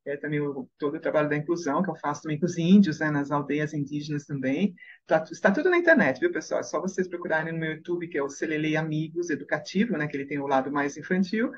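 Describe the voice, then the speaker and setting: Brazilian woman, middle-aged, animated storyteller, dull lo-fi radio sound. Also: deep voice, quick pace, slightly rough. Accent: Brazilian Portuguese. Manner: lively storyteller, tag questions, bursts of excitement. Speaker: singer and guest.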